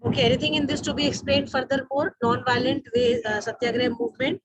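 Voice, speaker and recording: A woman's voice: sits high, fast talker, dry recording, rough recording. A woman with an Indian accent teaching an online class, calling on students and checking they follow with short questions.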